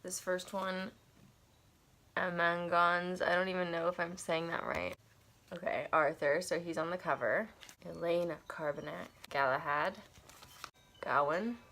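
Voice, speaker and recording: A young woman in her twenties, congested from allergies, unboxes an oracle deck in her cluttered bedroom as a tarot and oracle deck reviewer. Her voice sits on the low side, pushed and bright, and she talks unhurriedly, thinking aloud with wandering asides and reading passages aloud.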